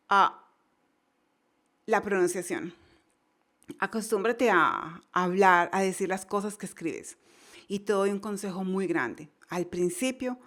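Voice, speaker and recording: Woman teacher, mid-pitched voice, encouraging, direct advice, explanatory lesson. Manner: slow deliberate reading demonstrations. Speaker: English teacher.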